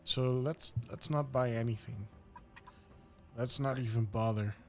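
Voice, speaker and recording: A man's voice: mid-range voice, steady tone, unhurried. A man playing in a tabletop game who repeats words and stammers as he speaks. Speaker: player.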